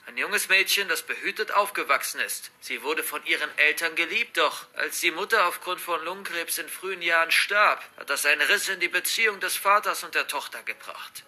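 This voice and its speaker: A man voicing a masked, vengeful older father who mocks his captives and bursts into shouting. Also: fairly high pitch, pitched above the performer's own voice. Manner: menacing, mocking, bursts into shouting.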